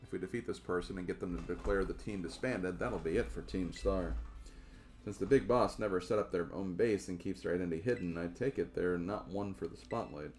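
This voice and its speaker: A man voicing a secretive commander who briefs an ally over the phone in a measured, businesslike way, reading game dialogue aloud. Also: deep voice, darkish tone, faint music behind. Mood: briefing.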